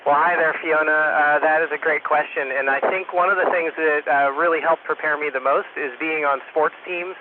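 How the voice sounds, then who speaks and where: A man speaking to students over a two-way radio link from a space station. His slightly high voice comes through tinny and narrow, with a thin hiss of static underneath. He answers in a friendly, unhurried way, with frequent filler pauses. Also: steady tone.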